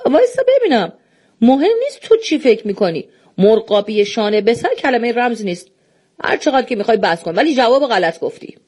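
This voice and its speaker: A rule-bound doorkeeper, read by a woman, keeps apologizing while refusing to budge. The pitch sits in the middle but swings widely from phrase to phrase. It is storybook dialogue from an audiobook. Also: big pitch swings.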